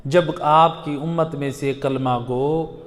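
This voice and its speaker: A man preaching a majlis sermon, swinging from loud exhortation to soft chanted recitation. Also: on the high side, fairly even intonation. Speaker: Shia preacher. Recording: long hall reverb.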